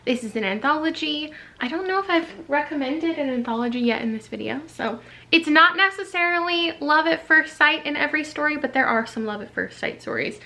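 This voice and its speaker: Bright, high-voiced woman book vlogger. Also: lively intonation. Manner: chatty, wry, quick to laugh at herself. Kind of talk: casual vlog chat.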